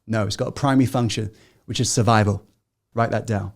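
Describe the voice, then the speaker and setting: His voice sits on the low side, steady in tone with some vocal fry, and his pace is a little fast. Hosting a live motivational masterclass, he peppers the audience with rhetorical questions and alternates between loud, forceful urging and quiet, intimate asides.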